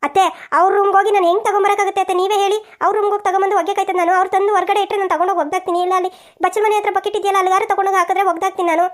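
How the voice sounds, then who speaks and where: A woman's voice: very high-pitched, little pitch movement, very fast. A woman voicing a meek, pleading young daughter-in-law. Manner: pleading, apologetic. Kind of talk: cartoon voice acting.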